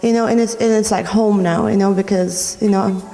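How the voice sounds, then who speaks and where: A woman's voice: medium pitch, fairly even intonation, moderate pace, warm tone, big-room sound. A young woman from Norway, a recording artist, talking about her music in an interview, with many "you know" fillers. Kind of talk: interview answers.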